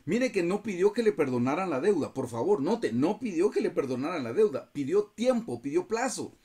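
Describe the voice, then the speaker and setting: A man's voice: on the high side, very animated, fairly quick, dark tone, slightly rough. A man teaching a Bible study over a video call, earnest and often addressing his listeners as brothers.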